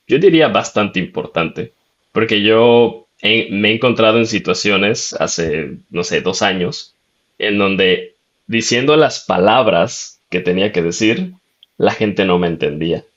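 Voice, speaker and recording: A man with a fairly low voice hosts a relaxed conversational interview. He sounds agreeable and easygoing, and he slips into personal stories. The audio is a little dull and muffled. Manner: relaxed, agreeable, tells anecdotes. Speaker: podcast host.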